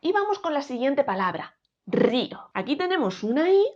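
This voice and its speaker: A woman teaching a grammar lesson, explaining slowly and clearly, splitting words into syllables and speaking straight to viewers. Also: sits high, big pitch swings, a little mellow, lo-fi sound. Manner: addresses viewers directly, asks rhetorical questions.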